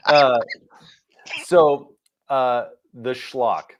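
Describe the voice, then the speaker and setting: A man co-hosting a casual movie podcast, laughing often and joking about himself. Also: a little hiss or hum. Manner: laughing, self-mocking, jumps in pitch for quoted voices. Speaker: podcast co-host.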